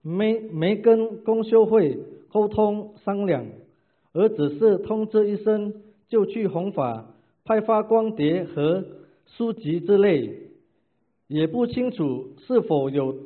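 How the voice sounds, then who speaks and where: A high-pitched man reads prepared questions at an unhurried pace. He is deferential and formal, closing with ritual thanks. The sound is narrow and phone-like. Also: expressive. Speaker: disciple asking questions.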